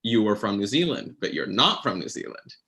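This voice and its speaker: A man's voice: lowish voice, sing-song, brisk, gravelly, sharp tone. A man interviewing a guest on a livestream, conversational and prompting with questions.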